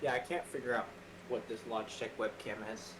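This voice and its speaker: Talking fairly quickly at a medium pitch, this man is a co-host on a call, and his nasal, stuffy voice wanders through casual chat packed with fillers. The sound comes from a distant old webcam mic, echoey and noisy.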